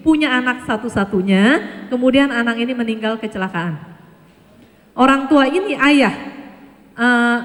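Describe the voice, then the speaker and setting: High-voiced woman lecturing in a hall. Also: fairly bright tone. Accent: Indonesian. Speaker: Buddhist nun speaker. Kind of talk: public talk on parenting. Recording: hall reverb.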